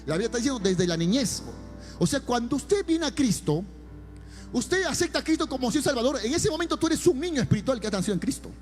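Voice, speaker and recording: A man's voice: extremely high pitch, big pitch swings, fast talker, darkish tone, faint music behind. A man preaching a sermon as pastor, calling listeners brother and building emphasis.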